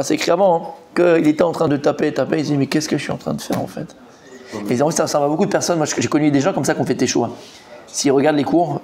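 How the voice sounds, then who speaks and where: A man, a rabbi, teaching a Talmud class in a lively, repetitive storytelling manner that acts out the characters. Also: mid-range voice, vocal fry.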